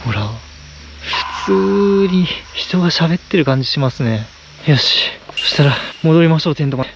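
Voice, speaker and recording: A man vlogging a night ghost hunt on a mountain, muttering in a hushed, nervous way into a handheld camera, outdoors in the rain. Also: fairly high pitch, lively intonation, normal speed, gravelly, muffled recording. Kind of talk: ghost-hunting vlog commentary. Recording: noisy outdoor night recording.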